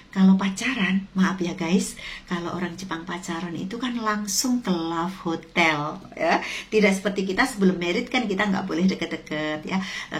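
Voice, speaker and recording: A middle-aged woman from Indonesia telling chatty stories to camera with many fillers and asides to her viewers. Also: lowish voice. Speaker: lecturer sharing stories about Japan. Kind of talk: casual storytelling to camera. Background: faint music.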